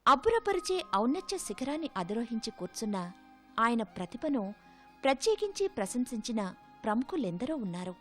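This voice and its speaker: A woman with a fairly high, expressive voice reads a formal tribute script. Her delivery is poetic and measured. Soft music plays beneath her. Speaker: narrator. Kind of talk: scripted documentary narration. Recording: narration with soft music underneath.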